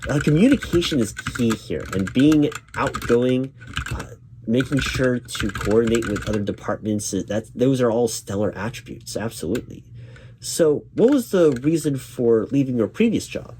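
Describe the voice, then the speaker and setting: A man's voice: medium pitch, lively intonation, moderate pace. Reassuring man interviewer, noisy keyboard clatter. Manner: reassuring, accommodating. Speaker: job interviewer. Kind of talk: improvised job interview role-play. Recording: lo-fi, noisy, clacking keyboard typing. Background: computer keyboard typing.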